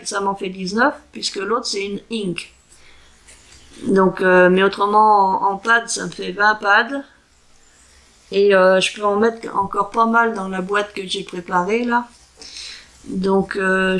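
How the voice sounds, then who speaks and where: A woman doing a casual crafting vlog, talking in a hesitant, chatty way and sounding out foreign words slowly. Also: mid-range voice, pushed and bright, poor audio. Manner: chatty with frequent fillers and self-corrections. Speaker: crafting vlogger. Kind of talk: casual show-and-tell craft chat.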